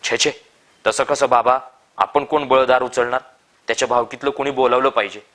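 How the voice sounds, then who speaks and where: A man puts on a seasoned, pushy farmer shouting at a shut door. His voice jumps well above his own, loud and urgent. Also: mid-range voice, steady tone, brisk, natural voice. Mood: calling loudly. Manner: loud calling, pleading. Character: seasoned middle-aged male farmer, pushy buyer.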